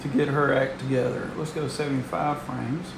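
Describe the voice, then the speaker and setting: A man's voice: mid-range voice, little pitch movement, normal speed, creaky, noisy background. A man giving casual live weather commentary as a streamer, repeating phrases for emphasis.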